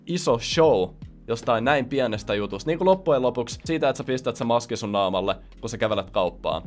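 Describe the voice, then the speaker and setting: Young guy doing reaction commentary, swears a lot, mocks everything, mid pitch. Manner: profane, mocking and sarcastic. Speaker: reaction video host.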